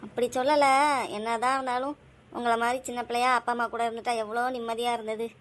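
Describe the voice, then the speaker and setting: A woman in her thirties with a high voice chats with her child at home. She speaks briskly and scolds a little, but stays caring underneath. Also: little pitch movement. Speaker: mother in a family vlog. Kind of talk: casual family chat.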